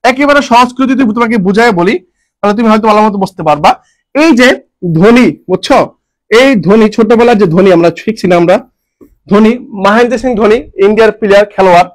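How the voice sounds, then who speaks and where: A man's voice: sits high, fast talker. A man teaching a grammar lesson online, repeating each point, asking and answering his own questions, with jokes and homely dialect forms.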